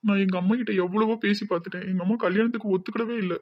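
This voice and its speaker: A man's voice: high-pitched, fairly even intonation, racing, no room sound, highs cut off, close to an everyday voice. A man voicing a distraught young village man with a Tirunelveli accent, talking in an anxious, pleading, tearful way in a cartoon. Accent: Tirunelveli Tamil.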